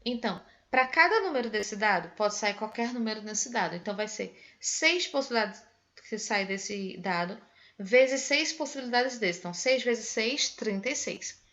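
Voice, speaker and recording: A woman's voice: fairly high pitch, expressive, normal speed, a bit bright. Woman math teacher from Pernambuco, lo-fi. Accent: Pernambuco Brazilian Portuguese. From Northeast Brazil. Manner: patient, counts through examples step by step. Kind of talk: online class explanation. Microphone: video call. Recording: lo-fi online class audio.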